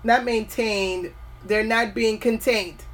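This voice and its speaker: A woman's voice: on the high side, fairly even intonation, slow. A woman in her forties hosting a skincare video, giving earnest, motivational advice and drifting off topic now and then. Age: 40s. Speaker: skincare host. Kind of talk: casual talking-to-camera advice.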